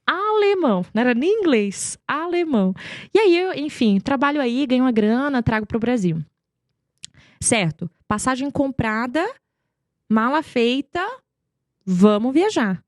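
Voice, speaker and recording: Speaking high and expressively at an unhurried pace, this marketing executive from Goiânia, Brazil, shares stories as a guest on a podcast interview. The recording is dry with studio quality, and she comes across as chatty and emphatic, frequently throwing in rhetorical questions.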